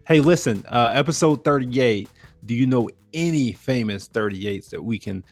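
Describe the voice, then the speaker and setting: A man co-hosting a podcast, talking sports in an animated, slangy, joking way. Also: mid-range voice, moderate pace, no echo, soft background music. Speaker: podcast co-host. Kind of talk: casual chat about sports.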